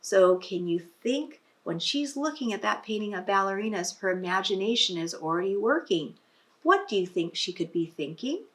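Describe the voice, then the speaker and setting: At a moderate pace and medium pitch, a woman reads a picture book to small children with animation and a slightly bright tone. Teacher-like, she stops to explain things and ask prompting questions during the expressive read-aloud.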